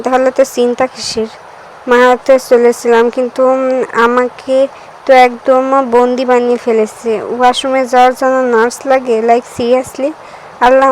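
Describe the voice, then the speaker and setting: A timid young pregnant wife pleads and apologizes, meek and nervous, as a woman narrator reads her lines. Her voice is high and level in pitch, and a soft hiss runs underneath. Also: low-quality recording. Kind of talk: audiobook character voice.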